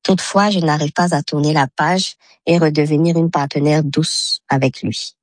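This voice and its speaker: A woman in her thirties from Mali, leaving a recorded message for a radio show with her voice altered by a voice changer, reading it out in a measured, steady way. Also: deep voice, no echo. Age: 30s. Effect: voice disguised with a voice changer. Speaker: caller to a health radio show. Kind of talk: recorded message read aloud.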